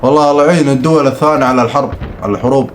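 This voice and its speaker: A young man talks quickly through a shooter game, teasing and muttering complaints as he plays. His voice sits at a middling pitch, and faint gunfire runs underneath. His delivery is excitable and conversational. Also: slight background noise. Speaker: gaming streamer. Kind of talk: live gameplay commentary. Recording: game audio with gunfire behind.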